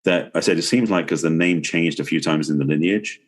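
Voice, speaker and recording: A middle-aged Englishman, a relationship expert and author, talks reflectively as a guest on a casual podcast. He has an English accent and an extremely low voice, speaking fairly quickly.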